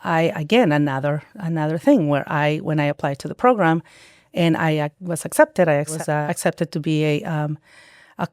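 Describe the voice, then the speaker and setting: Woman, lowish, dry close mic. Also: normal speed, a little mellow, no echo. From El Salvador. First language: Spanish. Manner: storytelling, frequent restarts and acted-out quotes. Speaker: guest, psychiatric nurse practitioner. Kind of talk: casual interview chat.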